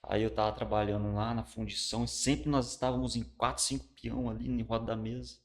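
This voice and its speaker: A middle-aged Brazilian Portuguese-accented pastor, appearing as a guest, shares his personal testimony in casual, colloquial speech. He speaks briskly at a medium pitch with fairly even intonation, telling his story with animation but dropping to a hush for the solemn moments.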